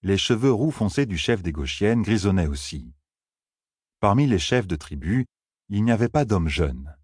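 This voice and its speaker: A man narrating an audiobook in a steady, even reading manner. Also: lowish voice, normal speed, slightly rough, no echo, clean studio sound.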